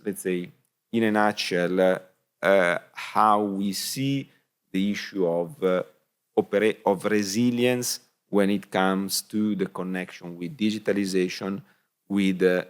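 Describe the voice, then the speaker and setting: A man presenting at a conference session, hesitant and full of fillers. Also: low voice. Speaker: conference speaker. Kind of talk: presentation talk.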